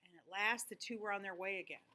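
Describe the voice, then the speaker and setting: An older woman reading a children's storybook aloud in the expressive manner of a sweet old lady. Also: medium pitch, fast talker, a little hiss or hum.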